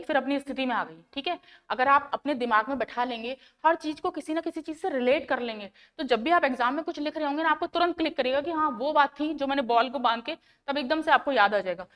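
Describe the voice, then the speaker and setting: A woman science teacher with a high voice and a North Indian Hindi accent teaches schoolchildren. She asks questions and answers them herself, patiently repeating each key term. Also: a bit bright. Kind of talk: classroom lesson explaining to children.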